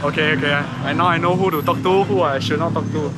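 A man's voice: on the high side, fairly even intonation, fast talker. A man, chatting casually and with exclamations as he vlogs outdoors. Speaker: motovlogger. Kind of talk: casual vlog chat. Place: outdoors on busy city streets at night. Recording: music behind the voice. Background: music, vehicles, street noise.

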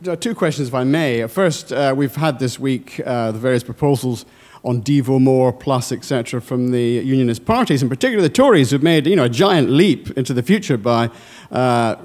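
A man's voice: medium pitch, darkish tone. A man, a journalist in the audience, putting a precise two-part question to a panel.

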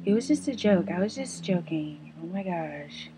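A woman's voice: on the low side, normal speed, noisy background, natural voice. Woman doing a muttering, defensive young woman. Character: dismissive young woman caught talking, quick to backpedal.

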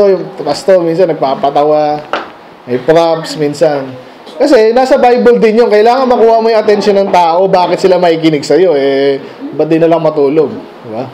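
A man with a Filipino accent preaches a midweek Bible study sermon in a loose, conversational way, mixing in English phrases and rhetorical questions. His voice sits high, with a soft, mellow tone. A faint background hum runs under him. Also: poor audio. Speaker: pastor. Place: church meeting room.

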